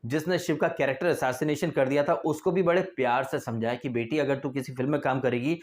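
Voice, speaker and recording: A man's voice: mid-range voice, fairly even intonation, fairly quick. A man reviewing a reality TV episode in casual, opinionated commentary, full of sarcastic rhetorical asides. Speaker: TV show reviewer.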